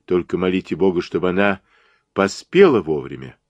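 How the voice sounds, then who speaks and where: A man's voice: low voice, expressive, normal speed, darkish tone, no echo, dull audio, pitched below the performer's own voice. A man voicing Poirot, a terse old detective. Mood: urgent. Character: fastidious elderly male detective, terse and commanding.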